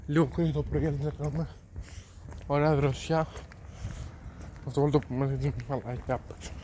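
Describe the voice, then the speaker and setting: A man's voice: a little high, steady tone, dark tone. Frustrated man muttering outdoors at dawn. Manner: frustrated, swearing, muttering to himself; keeps his voice down. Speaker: vlogger. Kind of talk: casual vlog monologue. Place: outdoors on a cold early morning. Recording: noisy outdoor ambience with dogs and traffic.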